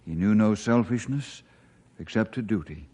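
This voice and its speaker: An actor in a 1950s radio drama playing a kind, steady forest ranger, reading an inscription solemnly. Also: male voice, on the low side, normal speed.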